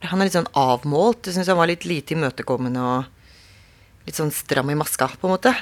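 A woman telling her own story in a radio documentary, hesitant and full of fillers and restarts. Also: sits low. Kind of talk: personal recollection in a radio documentary.

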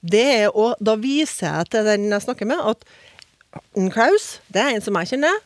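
A woman's voice: mid-range voice, expressive, dry recording. Woman, language expert on a radio panel, patient explainer, dry studio sound. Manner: patient, explaining with examples, frequent tag questions.

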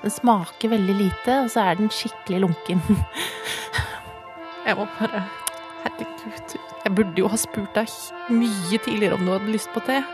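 A woman's voice: medium pitch, steady tone, close to an everyday voice. Woman doing a teary, gushing oversensitive lady, apologizing constantly, music under her. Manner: breathy, emotional, over-apologetic gushing. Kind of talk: comedy sketch, mock documentary interview. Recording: music playing behind.

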